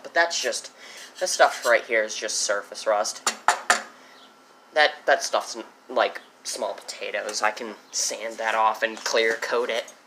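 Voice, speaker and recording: A teenage boy talks through his finds in a casual, rambling way, often stopping to correct himself. His voice is bright and sharp. He records on a handheld phone with faint noise behind him. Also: medium pitch. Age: teens. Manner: rambling, self-correcting, easily excited. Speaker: small engine vlogger. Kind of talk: casual vlog.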